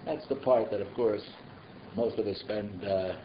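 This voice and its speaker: A man's voice: fairly low pitch, unhurried. A man with giving an informal religious class, asking rhetorical questions and slipping in conversational asides. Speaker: rabbi giving a Torah class. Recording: echoey, muffled room recording with noise.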